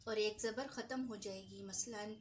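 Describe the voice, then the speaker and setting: A woman teaching Quran recitation rules with a sore throat, patient and repetitive, stretching out example words slowly. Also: medium pitch, steady tone, slight background noise. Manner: patient, repeats points, slows down for drawn-out example words. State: sore throat, clearing it often. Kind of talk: tajweed lesson.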